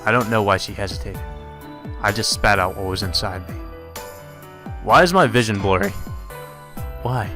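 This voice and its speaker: This let's play features a man reading a visual novel aloud, then breaking into casual, swear-filled commentary as he reacts incredulously and irreverently to the script. He has a lowish voice, a moderate pace, and long pauses, with music in the background.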